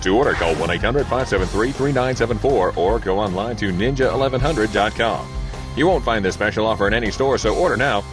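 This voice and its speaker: A man's voice: fairly low pitch, a little fast. A man reading a scripted hard sell ad tag as an announcer with ordering details. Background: music behind the voice.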